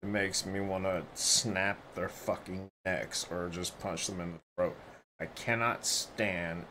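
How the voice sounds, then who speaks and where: Slow, low-voiced blunt man. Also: sharp tone, slight background noise, low-quality recording. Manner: blunt, profane, rambling. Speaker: reaction video host. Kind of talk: casual commentary.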